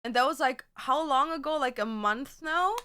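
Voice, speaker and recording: A woman's voice: high-pitched, moderate pace, pushed and bright. A woman chatting casually and playfully while getting ready, with a sassy, slangy way of talking. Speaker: livestream host. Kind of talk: casual get-ready-with-me chat.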